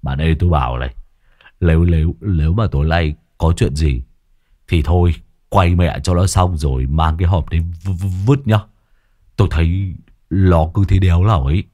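A man's voice: low voice, moderate pace, warm tone, pitched below the performer's own voice. A man voicing a cowardly young addict who stammers and whimpers as he pleads. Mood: nervous.

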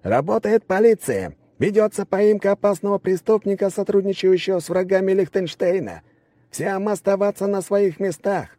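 A man doing a police loudspeaker officer barking orders. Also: high-pitched, moderate pace, dry recording, pitched above the performer's own voice. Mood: commanding. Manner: strained, barking commands. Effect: police loudspeaker announcement. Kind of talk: audiobook narration with character voices.

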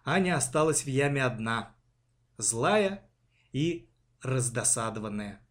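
A man narrating a children's story in a dramatic, expressive reading. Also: medium pitch, measured pace.

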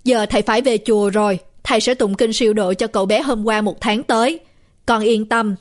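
A woman voicing a kind, elderly Buddhist abbot who speaks slowly and gently, like a reassuring father. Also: a little high, natural voice. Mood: gentle.

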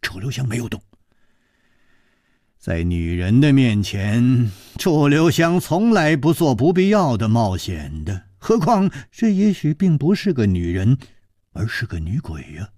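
A man narrating a martial-arts tale in a traditional storytelling style, dramatic and expressive. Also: mid-range voice, a little slow, no room sound, clean studio sound.

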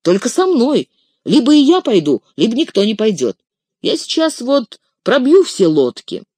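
A reader voicing a devoted, excitable young male hobbit servant who pleads in shrill, tearful outbursts. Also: moderate pace, slightly rough, dry recording. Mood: pleading. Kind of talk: audiobook character reading.

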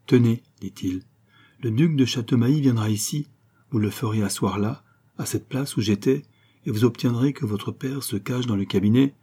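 A man's voice: on the low side, dark tone, husky. A man playing a cunning, persuasive schemer. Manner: measured, coaxing, confiding. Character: cunning young adventurer posing as a count, persuasive. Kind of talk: audiobook character reading.

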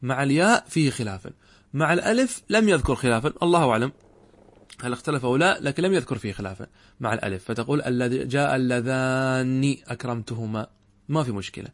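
In a classroom, a middle-aged man teaches Arabic grammar in a sing-song, mid-range voice with no echo. He repeatedly asks questions only to answer them, and he spells out sample words at a slower pace.

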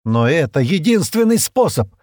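A determined young man who gives firm, urgent orders in a forceful voice, as a male narrator acts him out. His speech is lively and emphatic. The read is close and dry. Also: medium pitch, moderate pace, husky, dry recording, voice pushed up. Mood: urgent insistent. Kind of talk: audiobook character voicing.

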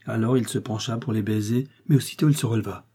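A man narrating a novel as an audiobook in a dramatic, expressive reading. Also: on the low side, fast, breathy edge.

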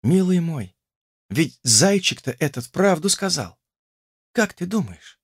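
A man reading an audiobook voices a gentle, fatalistic young woman who speaks softly and tenderly. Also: on the high side, big pitch swings, slow pace, husky, no room sound, studio quality, pitched above the performer's own voice, full character voice. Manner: soft, tender, quietly insistent.

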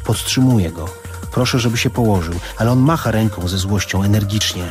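A man reading a literary novel aloud on radio in a calm, measured way. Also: on the low side, faint music behind. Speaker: audiobook reader.

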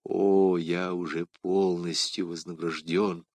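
A man's voice: sits low, flat delivery, slow pace, a little mellow, no echo, voice pushed down. D'Artagnan, a man playing an ardent young swordsman. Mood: delighted. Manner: eager, exclamatory. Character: young ardent male swordsman, proud and lovestruck.

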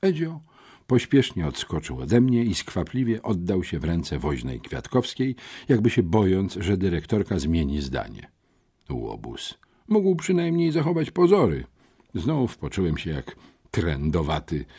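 A man reading a children's book aloud in first person, expressive and wry. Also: sits low, a little slow, slightly rough. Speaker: audiobook narrator.

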